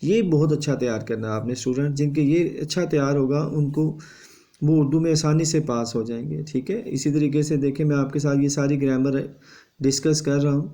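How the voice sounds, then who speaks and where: Flat, mellow-voiced male teacher. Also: a little high. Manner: steady lecturing, repeating a confirming tag after each point. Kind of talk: exam revision lesson.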